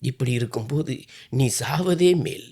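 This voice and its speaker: A man's voice: mid-range voice, a little slow, vocal fry, darkish tone, breathy edge. A man voicing a despairing mother who speaks to her daughter in a trembling, raised voice.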